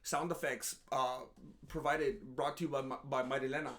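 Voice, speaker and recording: Still groggy from a nap, this male MMA commentary vlogger delivers a loose, joking monologue full of sarcasm, self-mockery, and frequent restarts. He speaks at normal speed in a medium pitch, a bit bright, with fairly even intonation.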